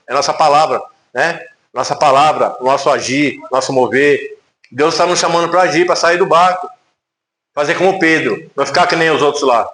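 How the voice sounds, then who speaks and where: A man's voice: on the high side, fairly bright tone. A man with a Brazilian Portuguese accent, a pastor preaching a conversational, emphatic sermon full of rhetorical questions. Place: church sanctuary. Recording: echoey church hall.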